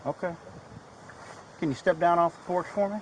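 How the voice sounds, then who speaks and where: Male cop, calm and patient, slightly high voice, noisy outdoor bodycam. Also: moderate pace. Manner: calm, patient, repetitive requests. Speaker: police officer. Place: outdoors at a house porch.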